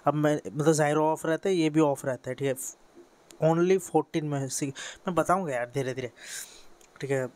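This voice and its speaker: A man's voice: on the high side, fairly even intonation, moderate pace, long pauses, darkish tone. A teenage boy from India talks through a mobile game tutorial in a casual, rambling way, full of fillers and self-corrections. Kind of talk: casual screen-recorded tutorial. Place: bedroom with a fan running.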